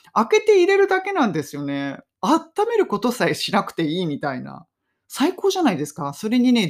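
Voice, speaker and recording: A woman hosting a casual podcast lesson on English phrases, chatty and upbeat, laughing often and slowing down to drill phrases. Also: fairly low pitch.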